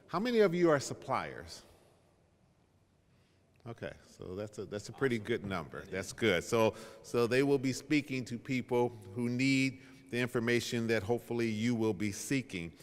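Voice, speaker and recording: A middle-aged man moderates a panel in front of an audience, giving an informal spoken introduction that's conversational, joking, and self-deprecating. His medium-pitched voice is expressive and at normal speed, and the large event room leaves a long reverb tail.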